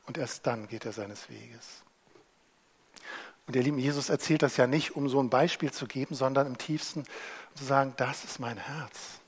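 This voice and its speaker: Husky-voiced man preaching a sermon. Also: medium pitch, moderate pace. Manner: dramatic swings from hushed to loud when retelling scripture.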